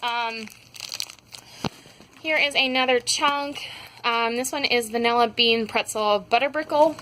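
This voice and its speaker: A woman's voice: a little high, a little slow, fairly bright tone, slight background noise, low-quality recording. A young woman casually reviewing scented wax melts at home, rambling with many fillers. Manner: rambling, many ums and likes. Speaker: wax melt haul vlogger. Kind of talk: casual product review chat.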